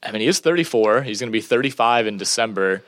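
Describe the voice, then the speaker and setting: A man's voice: lowish voice, lively intonation, fast talker, fairly bright tone, no echo, studio quality. A man co-hosting a sports podcast, chatting casually and rambling with lots of fillers. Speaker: podcast co-host.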